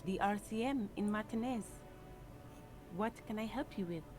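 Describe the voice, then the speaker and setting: A man voicing a wary, guarded woman gardener in a game, with quiet, evasive replies. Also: high voice, normal speed, over music, pitched above the performer's own voice, close to an everyday voice. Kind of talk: reading game dialogue aloud.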